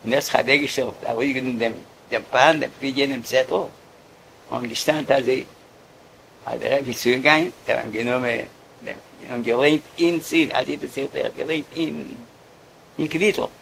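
A man telling a story casually, in a halting way, often repeating words. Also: mid-range voice, gravelly, fairly bright tone, a little hiss or hum, rough recording.

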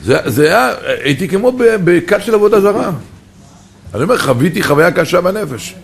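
A man's voice: high voice, big pitch swings, vocal fry, breathy edge. A man telling a personal story in an earnest, emotive way.

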